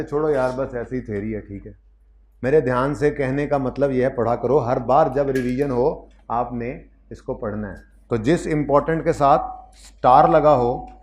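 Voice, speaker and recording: A man teaching accounting in a live classroom. He is stern with his students, repeats key points, and reads textbook lines slowly, word by word. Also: mid-range voice, a little mellow.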